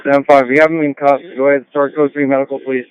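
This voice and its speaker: A man's voice: mid-range voice, little pitch movement, quick pace. A man working as a police officer, making terse radio calls with call signs and codes. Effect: police radio transmission. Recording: muffled dispatch radio audio.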